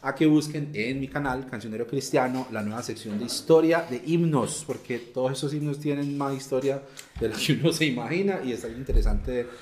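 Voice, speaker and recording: A man's voice: medium pitch, brisk, a little mellow, roomy sound, a little hiss or hum. A man with a Colombian accent talking casually and informally with friends. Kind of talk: casual conversation among friends.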